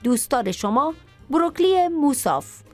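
A woman's voice: high-pitched, sing-song, soft background music, voice pushed up. A woman voicing the soil in a children's story, reading a heartfelt farewell letter. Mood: tender.

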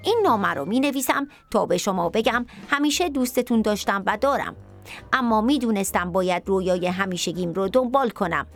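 A woman's voice: medium pitch, animated, faint music behind, close to an everyday voice. Woman as soil reading a tender letter.

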